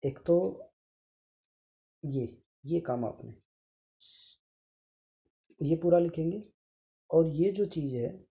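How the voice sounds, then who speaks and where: A man teaching an online grammar lesson to children, patiently repeating each sound and gently addressing his pupils. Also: a little high, drawn-out words, long pauses, lo-fi sound.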